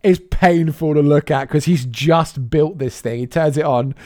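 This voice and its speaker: A man co-hosting a casual gaming podcast, animated and quick to laugh, acting out quoted lines. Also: fairly high pitch, dry recording, clean studio sound. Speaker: podcast co-host. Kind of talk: casual chat.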